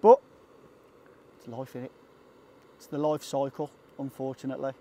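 A man's voice: mid-range voice, flat delivery, moderate pace, warm tone, slight background noise. A man chatting casually to camera on a hike, joking about himself and talking to his dog between thoughts. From England. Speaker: vlogger. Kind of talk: casual vlog chat. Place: outdoors on a hiking trail.

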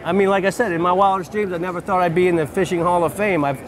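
Quick-paced and high-voiced with fairly even intonation, a fishing lodge outfitter in his forties enthusiastically tells his story, repeating phrases, in a trade-show booth interview. A lapel mic records him against the chatter of a busy indoor convention hall.

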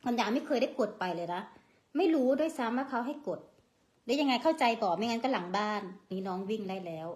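A woman's voice: fairly high pitch, expressive, fast talker, darkish tone. A woman with an Isan accent, hosting a casual live stream, reading out and thanking viewer comments. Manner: chatty, reads out viewer comments and thanks them; refers to herself by name in the third person.

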